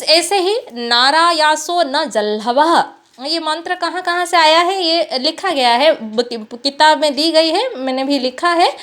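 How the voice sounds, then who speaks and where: High-voiced woman teaching Sanskrit. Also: fairly bright tone. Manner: explains slowly, repeats terms, switches between Hindi, Sanskrit and Odia. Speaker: Sanskrit lecturer. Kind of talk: online class lecture.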